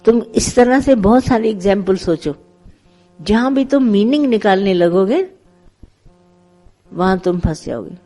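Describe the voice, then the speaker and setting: Mellow-voiced woman giving a spiritual talk. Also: medium pitch, expressive, measured pace, pauses often. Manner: conversational, gently instructive, tells parables with acted dialogue. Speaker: spiritual teacher. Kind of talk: satsang sermon.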